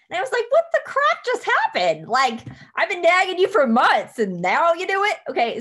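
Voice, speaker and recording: A young woman leading her team from a home office over a webcam, giving earnest, emphatic advice and slowing down to stress her key points. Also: medium pitch, a bit bright. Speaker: team leader. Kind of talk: motivational coaching talk.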